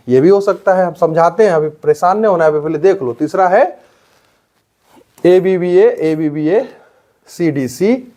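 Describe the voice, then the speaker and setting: Mellow-voiced teacher. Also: male voice, on the high side. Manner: explains step by step, repeats words, asks rhetorical questions. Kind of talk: Hindi explanation of an English poem for school students.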